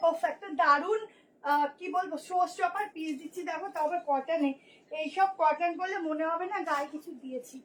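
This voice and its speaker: A hoarse woman, a boutique seller who talks nonstop, showing clothes to viewers in a live sales video. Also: very high voice, brisk, fairly bright tone, slight background noise. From Kolkata, India. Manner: chatty, nonstop talker.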